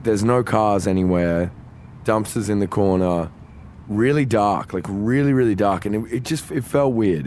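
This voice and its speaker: Lowish voiced aussie guy on a podcast, telling a story, swearing a lot and doing everyone's lines. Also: slight background noise. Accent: Australian. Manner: animated, swears freely, acts out quoted dialogue. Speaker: podcast co-host. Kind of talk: casual storytelling chat.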